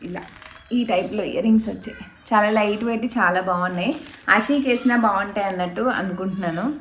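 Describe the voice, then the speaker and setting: A woman's voice: mid-range voice, fast talker. A woman chatting casually in a home vlog as she shows off a parcel, slipping English fillers into her talk. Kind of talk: casual show-and-tell vlog. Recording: roomy home room with faint background noise.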